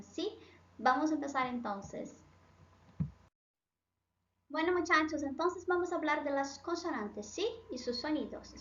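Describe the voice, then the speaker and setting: Brief: Brazilian woman, language teacher, high voice, keeps checking "ok?", echoey, slightly dull room sound. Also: a bit bright. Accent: Brazilian Portuguese. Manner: checks in often with "ok?" and "sí?". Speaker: Spanish teacher. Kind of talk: bilingual language lesson.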